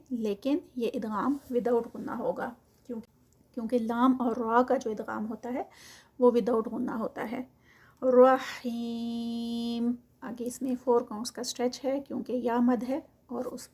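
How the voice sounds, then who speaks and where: During a tajweed lesson, a woman who teaches Quran recitation chants each phrase slowly and stretches it out, then shifts into quick, matter-of-fact explanations of the rules. Her slightly high voice is mellow and slightly rough, with fairly even intonation.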